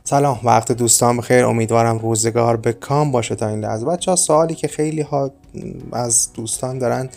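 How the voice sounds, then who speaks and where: Gravelly-voiced man hosting a casual explainer podcast. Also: medium pitch, a little mellow, soft background music. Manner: informal, addresses listeners as friends, frequent filler "uh". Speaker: podcast host.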